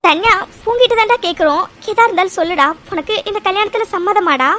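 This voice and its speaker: A woman's voice: very high-pitched, fast talker, bright, forceful tone, slight background noise. A woman voicing a stern elderly matriarch in a dubbed cartoon family drama, scolding the men firmly. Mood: coaxing. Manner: scolding and firm, calls the men to order.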